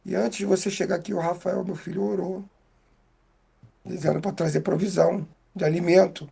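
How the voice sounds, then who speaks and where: A man with a Brazilian Portuguese accent giving a heartfelt, halting faith testimony as an interview guest. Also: high voice, steady tone, vocal fry, dark tone, husky.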